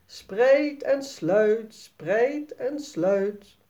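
A woman's voice: a little high, sing-song, normal speed, warm tone, pitched above the performer's own voice. A woman voicing a cheerful, encouraging mother in a children's storybook. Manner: encouraging, playful.

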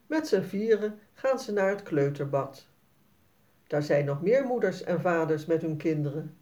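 Slow woman reading a children's story. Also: on the low side, lively intonation, warm tone. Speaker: narrator. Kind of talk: children's story read aloud.

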